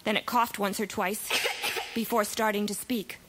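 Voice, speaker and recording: A woman narrating a rhyming children's story in a lively, expressive, sing-song way. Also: medium pitch, normal speed, background noise. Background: music.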